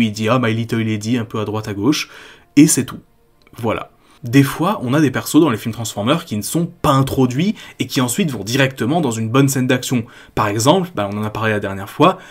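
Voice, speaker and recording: A man delivering a scripted, critical and sarcastic video-essay commentary as a film critic. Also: mid-range voice.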